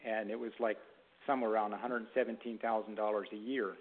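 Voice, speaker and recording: Guy giving a sermon at church, kinda halting, clears his throat a lot, tinny phone-like audio. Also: lowish voice, steady tone. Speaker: preacher. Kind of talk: sermon with a read-aloud story.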